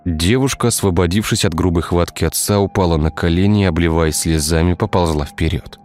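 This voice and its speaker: A man narrating a dark village tale in a scripted storytelling style. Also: deep voice, brisk. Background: faint music.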